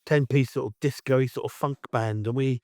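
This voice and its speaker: A middle-aged Essex man speaks with a croaky, allergy-roughened voice, chatting on as an interview guest. He rambles freely and calls himself the loudmouth. The sound is dry and close, with no room echo. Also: mid-range voice, steady tone, normal speed. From Essex, England. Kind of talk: casual interview chat.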